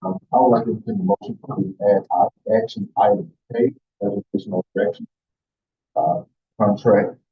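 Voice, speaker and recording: Guy chairing a board meeting, gravelly low voice, formal motions type talk, tinny zoom audio. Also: sing-song, normal speed. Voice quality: gravelly, husky. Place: board meeting on a video call. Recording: tinny narrowband video call audio.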